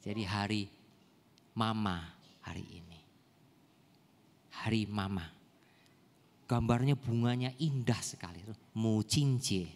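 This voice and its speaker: An older man preaching a sermon in a church service, often asking the congregation rhetorical questions. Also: lowish voice. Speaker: pastor. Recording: echoey church hall.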